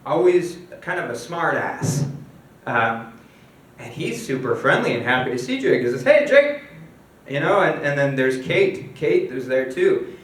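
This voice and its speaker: A man pitching his own film script in a casual walkthrough, loose and rambling, with lots of fillers and asides. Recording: echoey room, mic at a distance.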